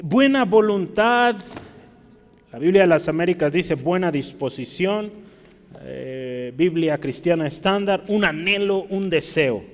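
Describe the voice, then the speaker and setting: A man with a fairly high voice preaches in a church, and the reverb hangs on in the large room. He teaches in a relaxed, conversational way and keeps checking that his listeners follow. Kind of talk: teaching sermon.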